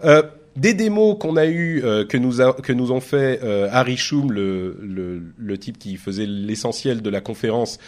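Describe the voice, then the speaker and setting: A man's voice: mid-range voice, expressive, measured pace, a little mellow. A man hosting a tech podcast in casual chat, talking with many fillers and restarts. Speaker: podcast host.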